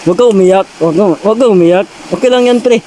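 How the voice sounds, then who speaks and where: Man, high voice, playful comedic banter, repeats himself. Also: fairly quick, warm tone, slight background noise, low-quality recording. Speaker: comedy sketch performer. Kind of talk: comedic skit dialogue.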